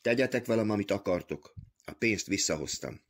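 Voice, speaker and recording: A man voicing a proud, defiant ancient man who has repented, speaking calmly and firmly in an audiobook reading. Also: on the low side, breathy edge. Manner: calm, firm, stubborn.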